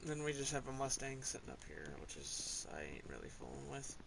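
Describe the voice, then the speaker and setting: Man, casual gameplay commentary, rambling, offhand, mid pitch, faint background hiss. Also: sing-song, fairly quick, creaky, a bit bright, low-quality recording. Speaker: gamer showing his garage.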